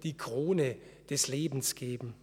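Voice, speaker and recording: A man giving an earnest, measured sermon as a preacher. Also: mid-range voice, a little mellow, slightly rough, long reverb tail. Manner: earnest, measured preaching with slow solemn quotes.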